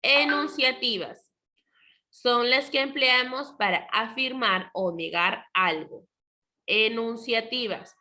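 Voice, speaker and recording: A woman teaching a primary school class over a video call, patiently asking the children questions and often clearing her throat. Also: on the high side, expressive, takes it slowly, hardly any pauses, bright, forceful tone. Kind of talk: online class lesson.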